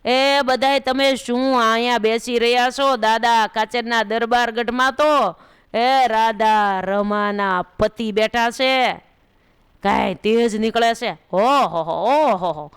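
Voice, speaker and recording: A woman voicing an ecstatic village man who loudly exclaims and urges others to come and see. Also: a little high, fairly even intonation, slow pace, clear, resonant tone. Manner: loud, exclaiming, urging others. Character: ecstatic village man seeing divine light, excited.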